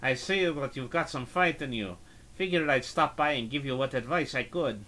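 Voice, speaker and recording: A man putting on a boastful male security captain from a video game, loud and sure of himself, with a thick Russian accent. The voice sits higher than his natural one and comes across bright and forceful. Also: normal speed, close to an everyday voice. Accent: put-on Russian. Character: brash adult male security captain, martial artist.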